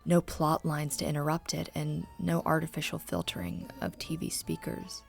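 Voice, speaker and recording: Low, creaky, haunting woman narrator. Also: very animated, normal speed, soft background music. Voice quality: low, husky, breathy voice. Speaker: story narrator. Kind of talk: scripted scary story narration, first person.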